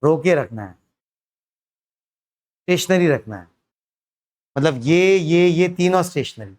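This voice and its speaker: A man's voice: on the high side, animated, slow pace, darkish tone. A man teaching a physics lesson to students. He keeps asking them questions and then answers them himself. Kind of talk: classroom lecture.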